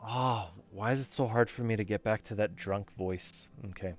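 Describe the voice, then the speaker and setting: A man's voice: lowish voice, moderate pace, over music. A man in casual, joking commentary while playing a story-driven game, laid-back and swearing casually. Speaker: player and streamer.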